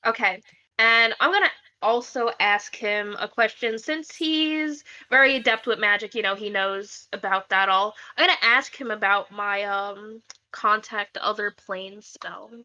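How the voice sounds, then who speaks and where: A woman's voice: medium pitch, a little slow, bright, forceful tone, dull audio. A woman playing in a tabletop game over a voice call, eager and chatty. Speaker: player. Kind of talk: casual tabletop play.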